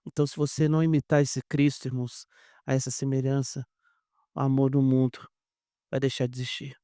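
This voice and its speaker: A Brazilian pastor preaching a conversational sermon, calling the congregation "brothers" and acting out short dialogues. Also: male voice, mid-range voice, flat delivery, brisk, warm tone, smooth, dry recording, clean studio sound. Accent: Brazilian Portuguese. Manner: conversational preaching, addresses "irmãos" often; acts out little dialogues in quoted voices.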